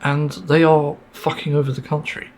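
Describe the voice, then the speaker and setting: A man's voice: on the high side, level tone, normal speed, a little mellow, slight background noise. A man hosting a solo podcast, venting in frustration with sighs, swearing and fillers, his throat getting sore. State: sore throat, mint in mouth. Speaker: podcast host.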